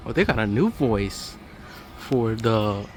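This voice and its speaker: On the low side and sing-song, this vlogger's voice moves at a slow pace as he casually narrates a walk through a big hardware store. Store music plays, and a crowd can be heard in the background.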